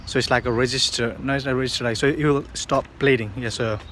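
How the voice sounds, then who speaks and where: A man in his thirties talks to a phone held at arm's length, rambling through fillers and restarts. His voice stays flat and even in pitch. Street and car noise comes through clearly behind him. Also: fast talker. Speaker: vlogger. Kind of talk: casual vlog to camera. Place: outdoors on city streets, partly in a car.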